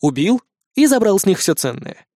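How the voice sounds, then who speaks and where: A man voicing a calm, firm young male warrior hero, speaking close to his own voice. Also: sits high, moderate pace, dry recording. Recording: dry close studio audio.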